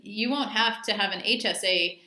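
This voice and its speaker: A woman's voice: medium pitch, moderate pace, pushed and bright, roomy sound. A woman dive instructor giving a casual training talk, chatty and full of anecdotes and fillers.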